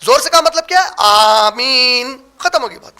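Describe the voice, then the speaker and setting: A man's voice: very high voice, expressive, sharp tone. A man giving a religious lecture, explaining terms step by step and asking rhetorical questions that he then answers himself. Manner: slows down to stress key words. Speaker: Islamic preacher. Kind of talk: religious lecture on prayer rulings.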